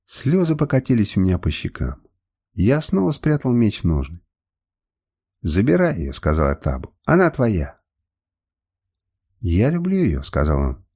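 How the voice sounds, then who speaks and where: A man's voice: low-pitched, very animated, moderate pace, warm tone, husky. A man narrating a dramatic first-person audiobook with strong emotion.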